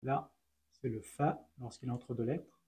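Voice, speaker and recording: A man's voice: mid-range voice, fairly even intonation, unhurried, mellow. A man teaching an Arabic lesson in French, patiently explaining each letter and sound one at a time with frequent fillers. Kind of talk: slow step-by-step lesson.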